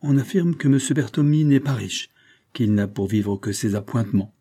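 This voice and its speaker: Man voicing a sly fawning detective, soft humble insinuating tone, husky, audiobook. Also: medium pitch, normal speed. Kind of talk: audiobook character voice.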